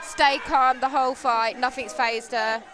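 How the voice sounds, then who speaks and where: High-voiced woman co-commentating a fight. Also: steady tone, measured pace, fairly bright tone. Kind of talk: live combat sports commentary. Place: ringside at a fight event. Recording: noisy live venue, crowd behind.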